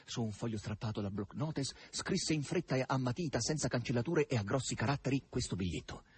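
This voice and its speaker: A man narrating a novel aloud as an audiobook reader, with expressive, varied phrasing. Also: mid-range voice, a little fast, husky, no echo.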